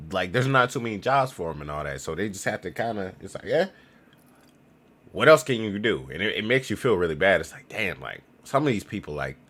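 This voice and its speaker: A man's voice: lowish voice, pushed and bright. A young man giving casual travel tips in a vlog, talking in slang and acting out other people's lines. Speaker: travel vlogger.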